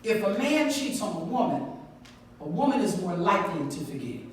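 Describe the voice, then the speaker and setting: A woman's voice: mid-range voice, sing-song, normal speed, a little hiss or hum. A woman pastor preaching a conversational sermon, breaking into emphatic call-outs to the congregation. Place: large church sanctuary. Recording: echoey church hall from far off.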